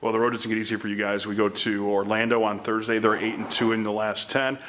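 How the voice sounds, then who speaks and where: A man with a lowish voice asks post-game questions quickly and evenly, each one set up with a brisk lead-in. A faint hum of noise sits under his voice. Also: level tone, fairly bright tone. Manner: brisk, scripted-sounding lead-ins to questions. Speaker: team broadcaster interviewer.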